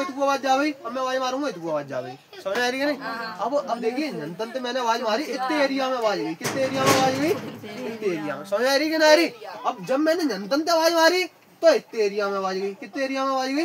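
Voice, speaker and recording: A woman with a high voice teaches math in a regional Uttar Pradesh dialect, firing repeated check-questions at her pupils. Around her, a crowd of students chatters through the noisy classroom recording. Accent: Western Uttar Pradesh Hindi dialect. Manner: repetitive call-and-response questioning in a rural dialect. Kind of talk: classroom tutoring lesson.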